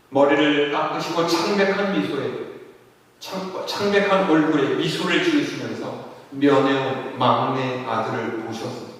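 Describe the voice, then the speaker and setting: A man's voice: fairly high pitch, a bit bright. A man pastor telling a story in an earnest sermon, rising in intensity at moments of grief. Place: church sanctuary. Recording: echoey church hall from far off.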